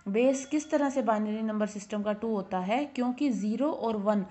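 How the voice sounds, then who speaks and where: A woman teacher explaining a school lesson in Hindi, reading English lines slowly and asking and answering her own questions. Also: fairly high pitch, mellow. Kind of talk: classroom lesson. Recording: dull lo-fi recording.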